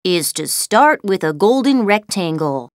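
A woman's voice: mid-range voice, very animated, measured pace, no room sound, studio quality. A woman voicing an earnest, bookish young schoolboy who explains things with care. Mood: instructive. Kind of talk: storybook character voice.

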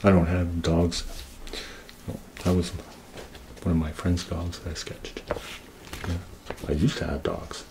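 An older man around his 60s, an ASMR creator showing his own sketches, murmurs haltingly in a deep, level voice, often in a breathy half-whisper. He sits close to a tabletop Yeti mic in a small indoor room with a green backdrop, and the close-up recording is noisy with clicks.

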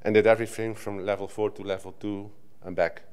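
The talk comes from a middle-aged man from the Netherlands, a native Dutch speaker, who addresses a conference from the lectern on a hall stage, using the lectern mic. He's brisk and flat in delivery, with a fairly low, smooth, darkish voice, and he restarts frequently.

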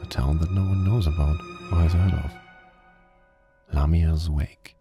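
A man voicing a weary, grim private detective who narrates a horror game in a slow, flat storytelling manner. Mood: brooding. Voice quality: very deep, gravelly. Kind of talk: scripted noir narration. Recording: game audio under loud music. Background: game music.

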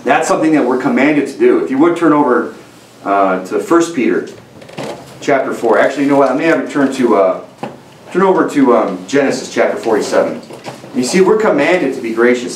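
A man's voice: mid-range voice, expressive, brisk, a little hiss or hum. A man in his thirties preaching a sermon at a lectern, earnest and conversational, with many restarts and "you know"s. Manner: stands at a lectern gesturing with both hands. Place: church sanctuary, indoors, medium room. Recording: roomy church audio from a distance.

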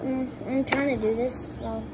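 Recorded on a phone propped on a kitchen table by a window, a girl vlogger chats casually to her viewers, rambling and frequently starting her sentences over. Her female voice sits high with little pitch movement, at a moderate pace, and the clip is very noisy.

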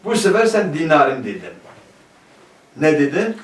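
A man's voice: fairly high pitch, huge pitch swings, moderate pace. A man teaching a grammar lesson, asking his class questions and answering them himself. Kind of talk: classroom lecture. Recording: echoey room, mic at a distance.

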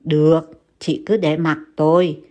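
A woman voicing a calm young man who reassures a worried friend, in a steady, slightly lowered voice. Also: a little slow. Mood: reassuring.

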